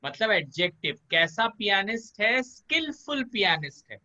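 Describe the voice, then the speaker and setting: A man teaching vocabulary in a live online class, drilling pronunciation by slow repetition and calling on students by name. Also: sits high, sing-song, bright, forceful tone, dull audio. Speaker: spoken English teacher. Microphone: video call.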